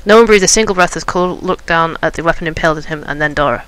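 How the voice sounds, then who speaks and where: High-voiced man reading a game aloud. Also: quick pace, smooth, low-quality recording. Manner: chatty, thinks aloud with laughs. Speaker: game player and reader. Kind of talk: game playthrough with read-aloud narration. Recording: loud game music behind.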